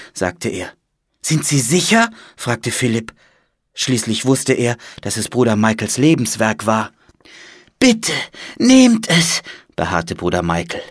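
A man narrating a children's audiobook with an expressive reading. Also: on the low side, dry recording, studio quality. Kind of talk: audiobook storytelling.

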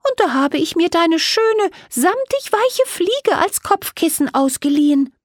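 A woman voicing a cheerful, mischievous little fairy girl in a bright, bubbly voice. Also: very high-pitched, lively intonation, measured pace, dry recording, studio quality, pitched above the performer's own voice. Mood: innocent.

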